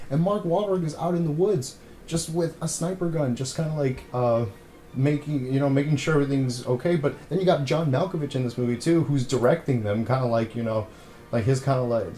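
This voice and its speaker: A man's voice: mid-range voice, dark tone. A man hosting a casual movie review vlog, blunt and rambling with lots of "you know". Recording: echoey room, faint hum.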